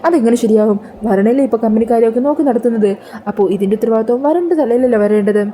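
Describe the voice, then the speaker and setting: A sly, scheming woman cries out in mock alarm, her voice jumping high and pinched, as a woman narrator puts her on. She is retold from a soap-style storyline, dark in tone yet climbing sharply in pitch. Fast and theatrical. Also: a little hiss or hum, close to an everyday voice. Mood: needling. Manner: mock-concerned, shrill exclamations.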